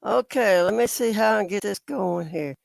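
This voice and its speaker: Speaking at a medium pitch and normal speed with some vocal fry, a YouTube commentator chats casually and indignantly with viewers, reading comments aloud and calling them ridiculous. He sounds exasperated and keeps calling his audience "folks." The recording has no room sound.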